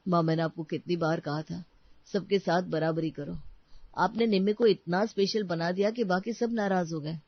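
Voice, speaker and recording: A woman voicing a grown son who lectures his mother in a lower voice. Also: fairly even intonation, moderate pace, no room sound, lo-fi sound. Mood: lecturing.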